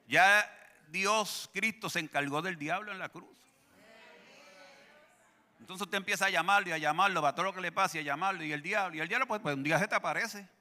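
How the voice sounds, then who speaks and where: In a church sanctuary, a male pastor with a high-pitched, brisk, pushed and bright voice preaches with humor, joking and calling out to the congregation. The sound is that of a big room.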